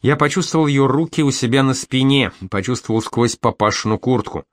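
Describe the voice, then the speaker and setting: A man's voice: mid-range voice, brisk, no room sound, studio quality. Man reading a first-person audiobook. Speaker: audiobook narrator.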